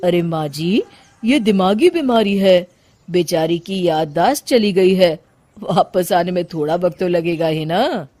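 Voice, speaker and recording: A woman's voice: lowish voice, unhurried, warm tone, faint music behind, lightly acted. A woman voicing a young man posing as a doctor in a cartoon story, speaking in a reassuring yet evasive way. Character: fake young male doctor, smooth-talking then jittery. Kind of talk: Hindi cartoon story voice acting.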